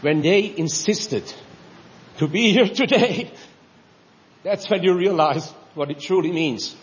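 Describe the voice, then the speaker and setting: Reflective middle-aged man from Switzerland. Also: high voice. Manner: reflective, halting with pauses. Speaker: new citizen giving a speech. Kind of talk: personal ceremonial speech. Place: large tent at an outdoor ceremony. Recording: reverberant dull audio with faint ambience.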